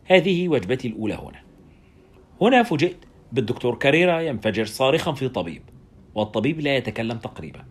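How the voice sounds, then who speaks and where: A man with a husky voice narrating a first-person novel in an animated, dramatic way. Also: medium pitch, quick pace. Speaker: audiobook narrator.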